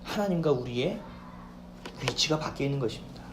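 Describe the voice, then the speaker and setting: A male pastor preaching a sermon in an animated way, putting questions to the congregation. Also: mid-range voice, a little fast, slight background noise. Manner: animated preaching, acts out quoted voices, asks congregation questions. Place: church sanctuary. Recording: echoey church hall with faint ambience.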